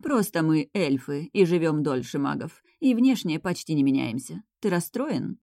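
A woman voicing a playful, self-assured female elf princess with a low, velvety voice in an audiobook. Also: animated, normal speed, creaky, dark tone, no echo, studio quality, heavily acted. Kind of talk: audiobook reading.

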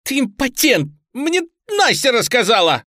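A man's voice: very high-pitched, huge pitch swings, unhurried, pushed and bright, dry recording, clean studio sound, voice pushed up, full character voice. A man voicing a frenzied young man who shrieks insults as if possessed. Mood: jeering.

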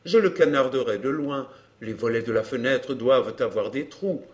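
A man reading a calm young gentleman in an audiobook, explaining in a measured way. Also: mid-range voice, close to an everyday voice.

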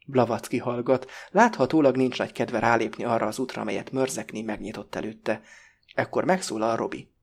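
A man narrating a literary audiobook in an even, measured way. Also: mid-range voice, creaky.

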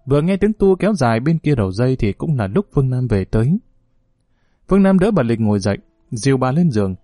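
Mellow male audiobook narrator. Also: medium pitch, dry recording, studio quality. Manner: steady, measured reading. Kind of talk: scripted novel narration.

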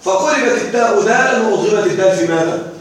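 High-voiced male teacher in an echoey classroom. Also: a little hiss or hum. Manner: repeats points and checks that students follow; sounds out letters slowly. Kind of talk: classroom lecture on Arabic grammar. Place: classroom with students.

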